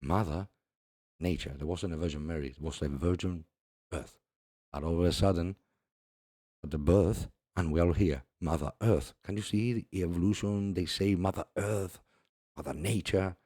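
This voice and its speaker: Deep, dark-voiced man discussing scripture. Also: moderate pace, dry recording, clean studio sound. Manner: reads scripture aloud, laughs often, repeats "see". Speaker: religious video host. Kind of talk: casual religious commentary.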